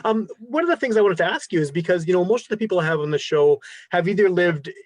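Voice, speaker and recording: A man's voice: sits high, lively intonation, quick pace, dry recording. A man hosting an interview podcast, asking long, friendly questions. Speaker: podcast host.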